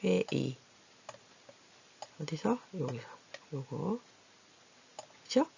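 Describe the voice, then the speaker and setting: A patient adult literacy teacher who slowly drills vowel pronunciation and repeats each word for learners to follow. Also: medium pitch, animated, vocal fry, a little mellow, muffled recording, a little hiss or hum. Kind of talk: Korean vowel lesson.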